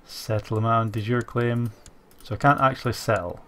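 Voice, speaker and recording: A man hosting a gaming channel talks through a strategy game despite a stuffy cold, thinking aloud with lots of fillers over the sound of his keyboard. His mid-range voice is a bit bright, steady in tone, and fairly quick.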